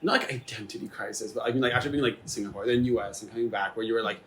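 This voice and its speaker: A man's voice: fairly low pitch, fairly even intonation, a bit bright, a little hiss or hum, poor audio. A young man hosting a casual chat at a dining table at home, asking questions. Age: young adult. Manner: quick questions, laughs along. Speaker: host. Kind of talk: casual interview.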